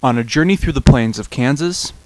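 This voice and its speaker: A man's voice: medium pitch, brisk, background noise. A man reading scripted narration for a news feature.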